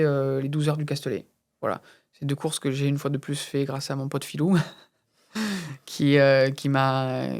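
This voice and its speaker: Man, interview guest, from France, fairly high voice, stammers and restarts often. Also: smooth. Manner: hesitant, many repeated words and fillers. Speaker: guest racing driver and instructor. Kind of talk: casual interview talk.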